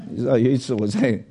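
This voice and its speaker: Sharing a personal story with his audience, an older man who is a pastor speaks loudly and with animation, dropping English phrases in. His mid-range voice is husky.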